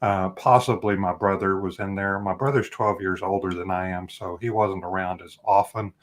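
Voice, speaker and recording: A middle-aged man talks as a guest in a casual interview. His voice sits fairly low, and he speaks in an earnest, reflective way with plenty of fillers. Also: fairly even intonation, normal speed. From Texas. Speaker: guest, life coach.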